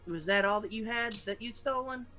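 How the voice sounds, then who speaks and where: A man playing a tabletop role-playing game, quick to jump into character. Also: sits high, sharp tone, soft background music. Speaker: player.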